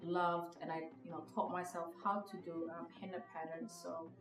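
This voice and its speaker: Recorded far from the mic in an echoey space with music behind her, a woman with a lowish voice speaks at normal speed with a flat delivery. She's a visual artist from Somalia, in her thirties, a podcast guest reflecting on her own story hesitantly, often restarting and using many fillers.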